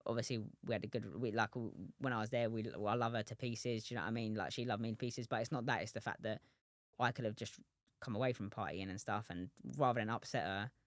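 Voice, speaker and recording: A man's voice: lowish voice, fairly even intonation, fast, no room sound, clean studio sound. A man in his twenties, a professional boxer, chatting as a podcast guest, rambling with many restarts and asides. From England. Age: 20s. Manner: rambling, many restarts and "do you know what I mean". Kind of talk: casual interview chat.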